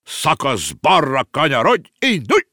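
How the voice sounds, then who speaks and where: Man playing a blustering storybook uncle, raised pitch, barking orders, bouncing intonation, dry close sound. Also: sing-song, pushed and bright, no echo. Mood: commanding. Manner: barking, commanding, grumbling. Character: gruff blustering middle-aged uncle, quick to roar.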